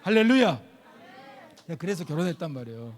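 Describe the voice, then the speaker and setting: A middle-aged man with a fairly high voice preaching into a church microphone. He tells his story in an animated way, acting out each quoted line with sudden leaps in pitch. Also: brisk. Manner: animated, acts out quoted dialogue with big pitch jumps. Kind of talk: sermon storytelling.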